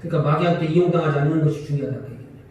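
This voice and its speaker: A man's voice: fairly high pitch, very fast, highs cut off, a little hiss or hum. A man preaching a Sunday sermon as pastor, asking the congregation questions and acting out quarrels. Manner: lively, asks the congregation questions and acts out quarrels. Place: church sanctuary. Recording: echoey church hall from far off.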